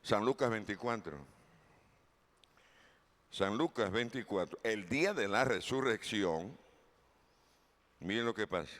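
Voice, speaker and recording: A man's voice: on the low side, expressive, slow, pauses often, a bit bright. A man preaching a sermon as pastor, reading scripture aloud and putting questions to the congregation. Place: church hall. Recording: long hall reverb.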